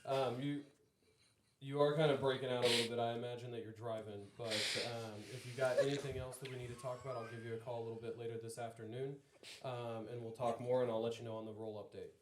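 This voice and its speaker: A man's voice: medium pitch, flat delivery, quick pace, distant mic. A man who owns a business, politely reassuring a client on a phone call. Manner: polite, reassuring, says "yes, sir". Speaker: business owner guest. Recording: echoey room with loud background noise.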